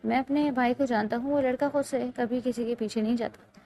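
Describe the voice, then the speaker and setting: A woman's voice: a little high, fairly even intonation, dark tone, slight background noise, natural voice. A woman reading as Sameer, an earnest young cop. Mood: stern. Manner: pleading, then blunt and firm. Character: young male police officer, earnest and torn.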